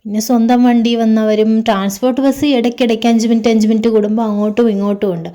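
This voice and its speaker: Quick southern Kerala woman, English words mixed in. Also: a little high, fairly even intonation, warm tone. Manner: mixes English words into Malayalam. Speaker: travel vlogger. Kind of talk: casual voice-over narration of a day trip.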